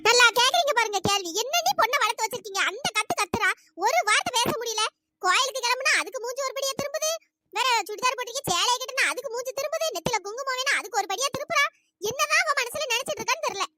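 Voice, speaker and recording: Lady playing a fed-up mom ranting, squeaky high voice, noisy background. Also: lively intonation, racing. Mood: indignant. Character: indignant middle-aged mother, quick-tempered. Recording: noisy home recording.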